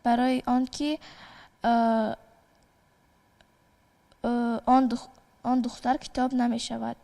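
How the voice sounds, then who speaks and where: A woman's voice: fairly high pitch, little pitch movement, vocal fry, mellow. Hesitant young woman answering. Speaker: student contestant. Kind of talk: answering quiz questions.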